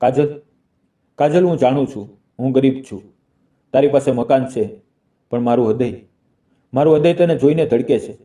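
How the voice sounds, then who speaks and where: A man voicing a kind, poor young man who speaks softly and tenderly, in a storybook reading. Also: medium pitch, normal speed, pauses often, far from the mic, natural voice.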